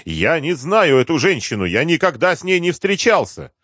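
A man voicing a frightened, indignant male politician who shouts in a shrill, panicky way. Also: big pitch swings, normal speed, no echo, clean studio sound. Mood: panicked. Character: frightened indignant male deputy, middle-aged.

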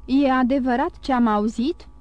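Storybook role: a woman doing a sharp-tongued, suspicious wife, muffled and scornful, fairly high voice, dry. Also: fairly even intonation, no echo, close to an everyday voice.

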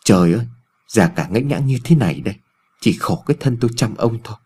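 Brusque nagging older village wife, husky voice, lively swings in pitch, read by a male storyteller. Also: fast. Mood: scolding.

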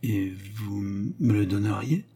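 A man voicing a greedy young courtesan, sharp, impatient and ironic, barely changing his own voice in an audiobook reading. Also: fairly low pitch, a little slow, breathy edge, soft background music.

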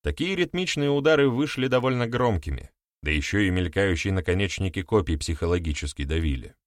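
A man narrating an audiobook in an expressive storytelling manner. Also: low voice, brisk, no room sound, clean studio sound. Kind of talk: scripted narration.

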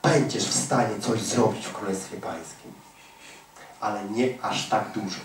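A man's voice: lowish voice, fairly even intonation, unhurried. Male preacher, fervent emphatic sermon, recorded from afar in a reverberant hall, faint room noise. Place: large echoey prayer hall. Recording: echoey hall recording from far off.

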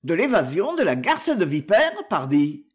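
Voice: mid-range voice, huge pitch swings, measured pace, husky, heavily acted. A reader voicing a taciturn, grumbling middle-aged man, a former gardener turned grocer, in an audiobook. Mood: gruff. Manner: grumbling, blunt.

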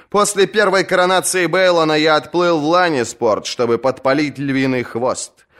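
A man's voice: on the high side, fairly bright tone, voice pushed up, lightly acted. A man voicing a proud armored lord-captain boasting of his battles, in an audiobook reading. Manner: boastful, solemn.

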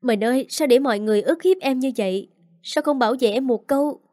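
A woman voicing a spiteful, sharp-tongued young woman who scolds with contempt. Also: high voice, fast, no room sound, studio quality, voice pushed up, close to an everyday voice. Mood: whining.

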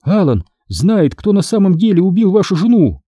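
A woman's voice: fairly low pitch, sing-song, normal speed, warm tone, breathy edge, no echo, highs cut off, voice pushed up. A man voicing a fierce, loyal young woman in an audiobook, pleading and scornful by turns. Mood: heated. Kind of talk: audiobook character voice.

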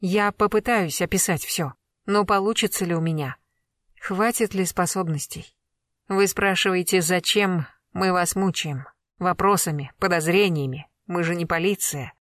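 An earnest young woman writer, as an audiobook reader voices her. She answers honestly and reasons quietly, unsure of herself. The recording is dry and close. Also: mid-range voice, moderate pace, no room sound, close to an everyday voice. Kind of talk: audiobook character reading.

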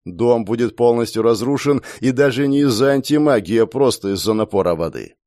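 A man's voice: mid-range voice, lively intonation, a little fast, dark tone, no echo, clean studio sound, close to an everyday voice. A man voicing a cruel young man who taunts and threatens his captive in a sneering tone. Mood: menacing.

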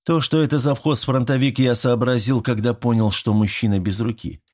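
A man narrating a first-person audiobook in a lively, expressive way. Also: medium pitch, normal speed.

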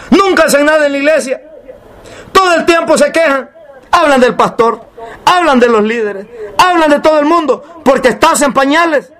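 A very high, slightly bright voice carries this man's sermon, which is emphatic and repetitive. He asks rhetorical questions and takes scripture readings at a slower pace.

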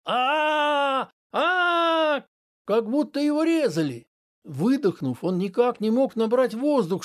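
A man narrating a story in a measured, steady audiobook style. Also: high voice.

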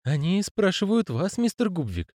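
A male reader voicing a timid young clerk who speaks in a halting, unsure way. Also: high-pitched, sing-song, darkish tone, dry recording, studio quality, pitched above the performer's own voice. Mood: nervous. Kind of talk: audiobook character reading.

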